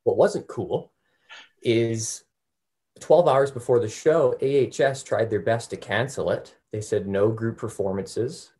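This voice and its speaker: A man's voice: mid-range voice, a little slow, a little mellow. A man speaking as a comedian guest in a casual interview, griping in a wry, blunt way.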